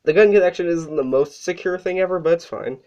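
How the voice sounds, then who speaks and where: A casual toy reviewer who sounds sick and a bit out of breath. The voice is mellow and relaxed, and the speaker stops to correct themselves along the way. The recording is dull and lo-fi. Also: medium pitch, a little fast. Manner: casual, with fillers and self-corrections.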